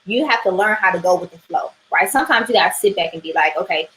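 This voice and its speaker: A woman's voice: on the low side, fast, a bit bright, a little hiss or hum, low-quality recording. A woman talking through a weekly astrology reading in a casual livestream, chatty and loose, swearing now and then and asking "right?" a lot. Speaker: tarot and astrology reader.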